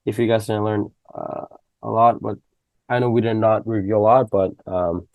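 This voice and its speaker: A man's voice: fairly low pitch, little pitch movement, normal speed, vocal fry, no echo, narrow, tinny audio. A man in his twenties giving a casual, loose coding lesson, checking in often with "okay?" and "right?". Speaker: programming tutor.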